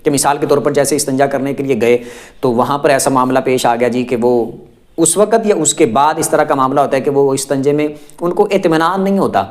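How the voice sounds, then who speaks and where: A man giving a reassuring, explanatory religious talk to viewers, repeating phrases and listing many examples one after another. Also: mid-range voice. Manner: repetitive, lists many examples. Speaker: religious teacher.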